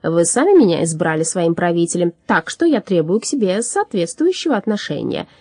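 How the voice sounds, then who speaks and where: A woman voicing a grumpy, boastful old male hunchback alchemist in an audiobook, loudly bragging and scornful. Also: deep voice, animated, a little fast, breathy edge, no echo, studio quality, exaggerated voice. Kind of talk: audiobook character voice.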